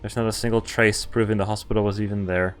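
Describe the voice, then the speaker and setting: With soft music in the background, a man reads a visual novel aloud on stream, pausing for offhand asides and reactions. His lowish voice is delivered flatly and quickly.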